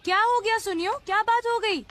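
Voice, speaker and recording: A woman voicing a curious, excitable young child in a cartoon dub, eager and exclaiming. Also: very high voice, brisk, a little hiss or hum. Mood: curious, incredulous. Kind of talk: Hindi cartoon dub acting. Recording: music under the voice.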